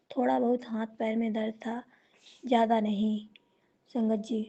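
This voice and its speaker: A woman gives a devotional testimony in a slow, reverent, even-toned voice that stays fairly high. Her tone is very dark and mellow. The recording sounds dull and lo-fi. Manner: slow and reverent, with chanted mantras.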